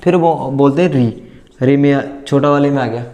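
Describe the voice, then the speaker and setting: A man teaching a class, repeating terms slowly and asking and answering his own questions as he writes them down. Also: mid-range voice, mellow. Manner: dictates as he writes. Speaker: Hindi teacher. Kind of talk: classroom lesson at a board.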